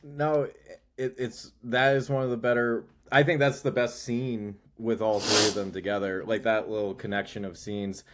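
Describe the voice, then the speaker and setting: A man's voice: fairly low pitch, flat delivery, normal speed, slight background noise. Analytical man guest on a podcast. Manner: analytical, opinionated with some restarts. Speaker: podcast guest, film producer. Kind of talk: casual podcast chat.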